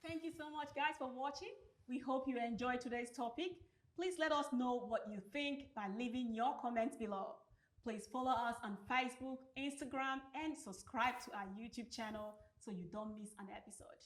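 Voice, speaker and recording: A woman hosting a casual panel chat, upbeat and asking quickfire questions. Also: on the high side. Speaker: host.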